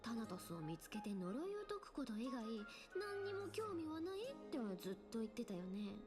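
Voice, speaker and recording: A woman's voice: a little high, very animated, a little fast, over loud music. A woman voicing a sly, breezy young female treasure-loving thief in an anime game, with a casual, teasing, cocky delivery. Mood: persuasive, teasing. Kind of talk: Japanese anime game voice acting.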